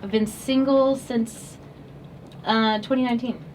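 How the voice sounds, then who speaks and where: A woman's voice: a little high, fairly even intonation, measured pace, a little mellow, far from the mic, slight background noise, rough recording. Hesitant woman in her thirties. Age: 30s. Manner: hesitant, with fillers. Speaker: panel guest. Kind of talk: casual podcast chat.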